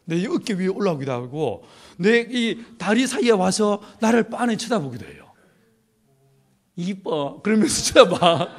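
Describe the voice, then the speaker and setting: A middle-aged man preaching a humorous sermon at a youth retreat, telling stories with playful laughter. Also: high voice. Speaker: pastor.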